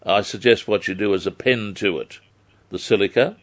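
An Australian man giving health advice on a live phone-in, measured and formally worded. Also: fairly low pitch. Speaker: health advice expert on radio.

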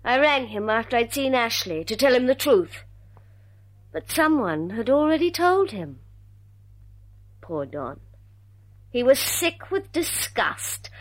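A fallen daughter in a radio drama, weary and ashamed yet defiant. Her voice is fairly high and moves widely in pitch. She speaks deliberately, with open emotion. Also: low-quality recording.

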